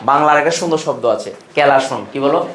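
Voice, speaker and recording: A man's voice: mid-range voice, brisk, a bit bright, a little hiss or hum. Bangladeshi man teaching chemistry, echoey room. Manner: asks students questions and repeats key terms. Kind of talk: classroom lecture.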